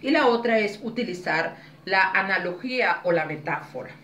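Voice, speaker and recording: A woman instructor leads a public speaking workshop in an expressive, demonstrative way. Her voice sits at a moderate pitch and is heard from some distance. The room adds a noticeable echo, with faint ambience behind her. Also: normal speed, a little hiss or hum. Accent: Spanish. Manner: expressive, demonstrates vowels and intonation. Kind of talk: teaching a workshop.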